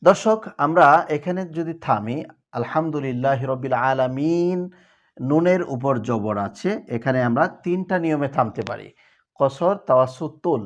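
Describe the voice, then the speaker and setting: A man teaching Quran recitation rules in a televised lesson, explaining step by step and chanting verses slowly as examples. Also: a little high, expressive, dull audio.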